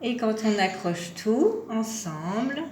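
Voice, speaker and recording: A woman's voice: a little high, sing-song, slow pace, a little mellow. A woman teaching a home lesson to young children, patient and sounding out each syllable and number aloud. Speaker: kindergarten teacher. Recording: echoey room with faint background noise.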